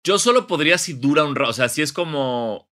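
A young Mexican man co-hosting a podcast, joking in a playful way, often stammering and restarting, and sometimes dropping to a low mutter. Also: expressive, fairly quick, pushed and bright. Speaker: podcast co-host. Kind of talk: casual comedic chat.

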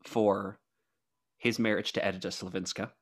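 A man's voice: lowish voice, level tone, moderate pace, fairly bright tone. A man co-hosting a podcast, joking in a mock-formal, self-mocking way and laughing often. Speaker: podcast co-host. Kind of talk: casual comedic chat.

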